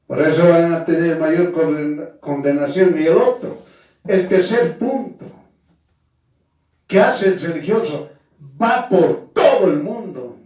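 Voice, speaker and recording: Male preacher, slow and emphatic, somewhat high voice, recorded in a very echoey space far from the mic. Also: darkish tone. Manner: addresses listeners as "hermano", firm emphatic preaching. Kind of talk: sermon.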